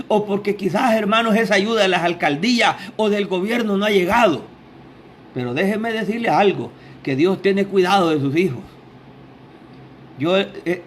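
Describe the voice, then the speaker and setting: Fervent high-voiced preacher. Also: male voice, slight background noise. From El Salvador. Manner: fervent, sweeping pitch, tag questions. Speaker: lay preacher. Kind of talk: sermon. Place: small church.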